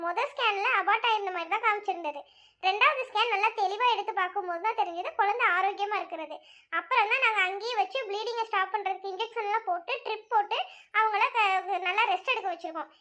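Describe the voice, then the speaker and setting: Brief: reassuring cartoon lady doctor, very high and bright, voiced by a woman. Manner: measured, explaining. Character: calm reassuring female hospital doctor.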